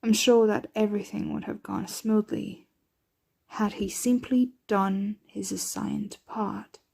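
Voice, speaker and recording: A woman playing a protective, doting yet anxious vampire mistress in an ASMR roleplay, breathy and often whispering, with formal, measured diction. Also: medium pitch, steady tone, darkish tone, heavily acted. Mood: frustrated, weary.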